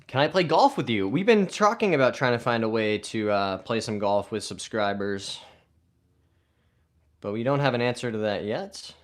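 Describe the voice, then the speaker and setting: A man hosting a golf live stream casually reads viewer comments aloud and answers them in an upbeat way. He speaks at normal speed with a medium pitch and lively intonation.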